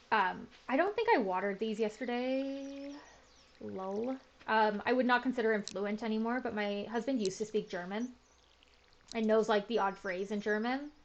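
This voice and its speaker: A young Canadian woman hosting a gaming video chats while playing a farming game, rambling, self-deprecating, and full of filler words. Her voice is a little high, and the slightly muffled recording carries faint game music and slight background noise.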